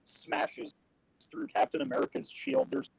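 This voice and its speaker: A man on a call whose voice comes through robotic and glitchy, talking in a halting, casual way. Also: extremely high pitch, little pitch movement, creaky, darkish tone, no echo, low-quality recording. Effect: robotic, glitchy call audio. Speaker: panelist on a call. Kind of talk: casual chat.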